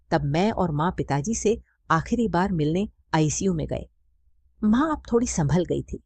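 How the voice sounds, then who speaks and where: A woman's voice: deep voice, a little mellow, no room sound. A woman giving a mournful, scripted first-person story narration.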